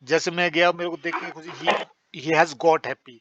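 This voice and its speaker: A man's voice: fairly high pitch, fairly even intonation, a little slow, highs cut off, background noise. A man teaching English in a patient, repetitive lesson, often checking that students understand. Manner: explains patiently, repeats phrases, checks understanding. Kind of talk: spoken English lesson in Hindi.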